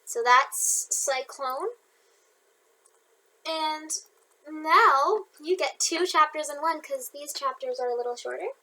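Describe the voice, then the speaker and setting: High-voiced woman reading her own book. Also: takes it slowly, bright, forceful tone, low-quality recording. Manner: informal reading with slips and chatty asides. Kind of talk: audiobook narration.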